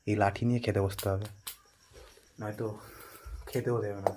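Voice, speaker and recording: A man with a Bengali accent narrating a casual home vlog, chatty, at times dropping to a hushed murmur and at times calling out loudly to his dog. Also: fairly low pitch, little pitch movement, moderate pace, background noise. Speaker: vlogger. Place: home, indoors.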